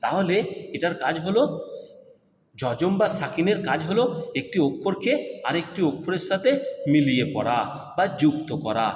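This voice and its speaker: A man teaching Quran reading, chanting letter drills slowly in a sing-song way with a Bengali accent. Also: fairly high pitch, animated. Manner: slow, sing-song repetition of syllables. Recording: echoey room with long reverb, faint background noise.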